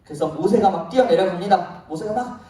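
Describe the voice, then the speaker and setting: A high, animated male pastor tells a children's sermon as a story and keeps asking his young listeners questions. His voice is mellow in tone. He sounds far from the mic in a very roomy, echoing church sanctuary. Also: brisk. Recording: very echoey hall, voice from far off.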